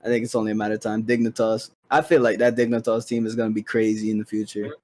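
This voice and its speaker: A relaxed man with slangy, teasing talk, a guest on a casual esports podcast. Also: fairly low pitch, fast talker. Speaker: guest analyst.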